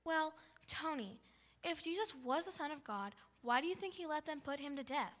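Actress as a composed female news anchor; bright tone, reverberant. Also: high voice, animated, moderate pace. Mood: earnest. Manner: newsreader delivery.

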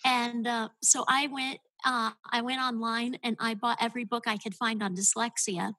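A woman's voice: fairly high pitch, steady tone, normal speed, sharp tone, no room sound, poor audio. A woman guest on a podcast, telling her story as a homeschooling mother in an earnest, heartfelt way. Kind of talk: casual podcast interview.

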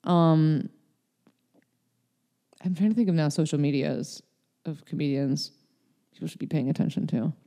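A woman's voice: low voice, moderate pace, long pauses, dark tone. A young woman chatting casually as a podcast guest, rambling and candid, full of fillers. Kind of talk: casual chat. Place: LA area.

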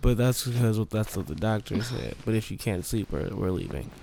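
A man's voice: on the low side, animated, moderate pace, creaky, mellow. A man chatting casually at home for a vlog update as an expectant father. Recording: noisy background room ambience.

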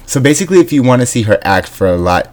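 A man's voice: mid-range voice, sing-song, fast, darkish tone. A man co-hosting a comedic podcast from inside a closet, trading dry, sardonic comebacks. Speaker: podcast co-host. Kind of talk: casual comedic chat.

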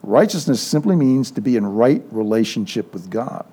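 Older man, pastor, animated storytelling, mellow tone, Sunday school class. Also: medium pitch, moderate pace, breathy edge. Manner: lively storyteller, acts out quoted dialogue. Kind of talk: informal sermon with storytelling.

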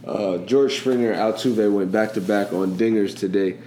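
A man hosting a sports podcast in a loose, rambling chat with a warm, mellow voice. He is recorded in an echoey room with a faint hum of noise behind him. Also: lowish voice, fairly even intonation, moderate pace. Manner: rambling and chatty, often asks "you know what I'm saying". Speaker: podcast host.

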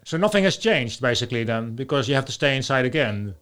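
A man's voice: mid-range voice, lively intonation, fast talker, fairly bright tone. A man with a Dutch accent hosting an interview over a call, asking curious questions and giving short encouraging replies. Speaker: podcast host. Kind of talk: casual interview. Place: home in London.

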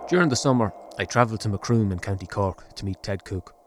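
A man narrating a scripted documentary podcast in a measured, serious way. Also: on the low side, background noise. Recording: music behind the narration. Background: music.

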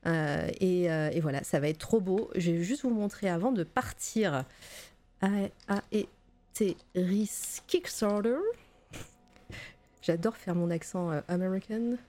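A woman's voice: fairly low pitch, moderate pace, hardly any pauses, dark tone. Chatty woman hosting a live stream. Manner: chatty, many fillers, giggly asides. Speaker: stream host. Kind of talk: casual live-stream chat.

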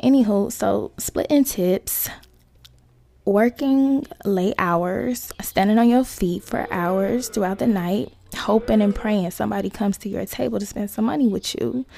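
A woman hosting a casual solo podcast, talking to listeners in slangy, sweary asides with creaky vocal fry. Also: medium pitch, dark tone. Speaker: podcast host.

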